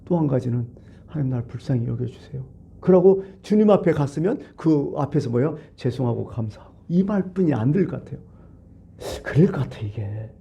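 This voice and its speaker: Gravelly dark-voiced pastor preaching a sermon. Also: male voice, mid-range voice, brisk. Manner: storytelling, conversational, swings between hushed and animated. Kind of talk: Wednesday service sermon. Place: church. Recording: dull lo-fi church recording.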